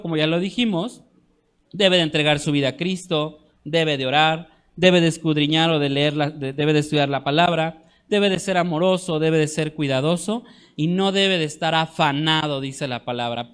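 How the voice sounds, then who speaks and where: A man teaching a church discipleship class, earnest, often checking in with his listeners and slowing down to stress scripture. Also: a little high.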